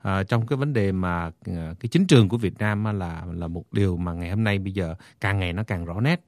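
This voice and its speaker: A man's voice: sits low, brisk, a little mellow, dry recording, clean studio sound. A man, a lawyer guest on a radio talk show, telling stories with many hesitations. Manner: storytelling, many hesitations and fillers.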